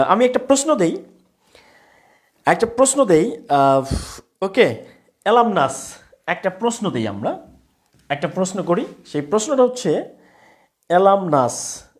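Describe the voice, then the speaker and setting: A man with a Bengali accent teaching English grammar in a live online class, repeating words slowly and often checking that students follow. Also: high-pitched.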